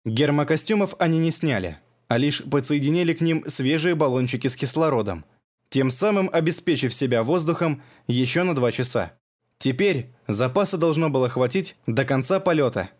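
A man reading an audiobook as narrator, in a measured, even manner. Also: on the high side. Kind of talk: scripted narration.

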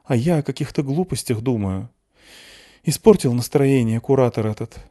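A man voicing a young Soviet woman who speaks quietly and resolutely. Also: medium pitch, moderate pace, voice pushed up, lightly acted. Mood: quiet resolve. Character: young woman, Soviet lab worker, earnest.

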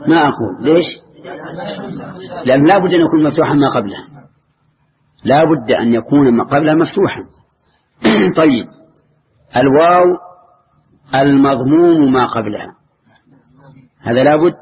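A man's voice: fairly high pitch, expressive, normal speed, long pauses. An older man teaching a grammar lesson, repeating key phrases and quizzing his students. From Saudi Arabia. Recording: dull lo-fi lecture recording.

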